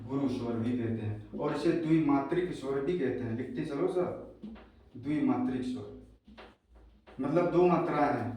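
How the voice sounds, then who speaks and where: A male teacher gives an exam-prep lesson from a distance, his voice mellow and soft-edged. The room rings with a strong echo. He repeats each phrase so his students can note it down. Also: mid-range voice, slight background noise. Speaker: Hindi teacher. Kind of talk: classroom lecture for exam prep.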